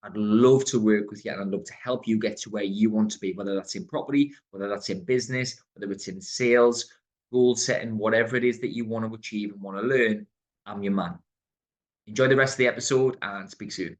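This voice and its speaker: A Geordie podcast host in his thirties, from Newcastle upon Tyne, England, tells his own story bluntly and candidly, streetwise in tone and laughing now and then mid-sentence. His voice is lowish and steady, a little fast, with no room sound.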